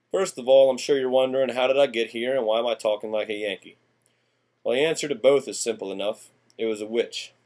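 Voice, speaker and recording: A man's voice: mid-range voice, a little mellow, close to an everyday voice. A man playing a folksy, rambling small-town man from the 1890s, talking through an acted class monologue. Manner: folksy and rambling, drawling country slang. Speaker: student presenter in character.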